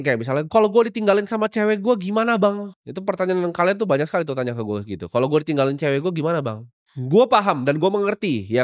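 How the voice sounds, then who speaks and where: A man's voice: fairly high pitch, no room sound, clean studio sound. A young man delivering a blunt, scolding motivational rant as a podcast host, full of slang and confrontation. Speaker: podcast host giving life advice.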